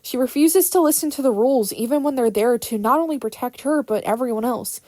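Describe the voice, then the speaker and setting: A woman with a fairly high voice and a dry, close sound rants in an opinionated, slightly unhinged way. She speaks casually from prepared material, swearing freely and dropping sarcastic asides. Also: fairly quick, a little mellow, dry recording. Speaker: fan fiction creator. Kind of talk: casual scripted rant explaining characters.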